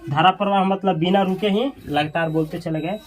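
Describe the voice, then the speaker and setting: A man's voice: sits high, steady tone, a little fast. A man teaching an English grammar lesson, asking questions and repeating the class's answers.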